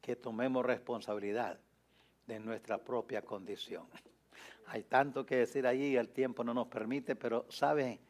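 A man preaching a sermon in an emphatic way, repeating key phrases and often dropping to a low, soft voice. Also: steady tone, a little slow.

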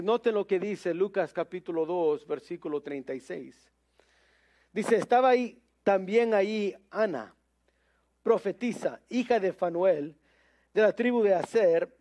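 A man's voice: high voice, a little mellow. A man preaching a sermon, telling a story conversationally with many fillers and English words mixed in.

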